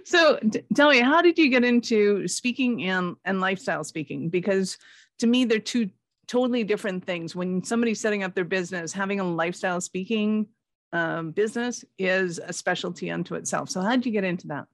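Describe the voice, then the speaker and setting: A woman's voice: mid-range voice, a little fast, dry recording, studio quality. A woman hosting a podcast interview in a casual, chatty, informal and jokey way. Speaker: podcast host.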